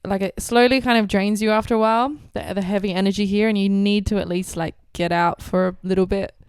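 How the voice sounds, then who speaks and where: A young woman from Australia, co-hosting a casual podcast chat, animated and quick to laugh, a little under the weather. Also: mid-range voice, smooth, no room sound, studio quality. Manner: animated, laughing, playfully dramatic. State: slightly sick. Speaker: podcast co-host.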